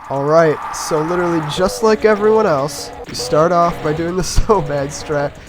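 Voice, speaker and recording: The recording is low quality, with a man talking at a moderate pace through casual game-run commentary. His somewhat high voice is a little raspy from a cold, and he rambles easygoingly, teasing his own blunders with chuckles over faint game music.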